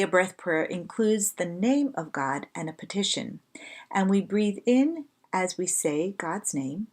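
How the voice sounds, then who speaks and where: A woman with a fairly low voice leads a slow breath prayer devotional. Her delivery is gentle and measured, and her phrases often end softly and breathily. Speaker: prayer leader.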